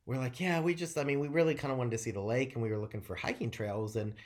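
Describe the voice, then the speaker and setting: A man's voice: medium pitch, fast. A man from North Carolina, co-hosting a show and telling a story in casual chat, rambling and swearing freely with lots of fillers. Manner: rambling, profane, animated storytelling with many fillers.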